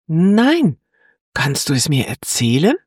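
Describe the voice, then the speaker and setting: Narrator doing a small fir tree, curious, eager, a little higher, dry close sound. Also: wildly swooping pitch, slow, a little mellow, slightly rough, dry recording, heavily acted. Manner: eager, questioning. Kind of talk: storybook reading.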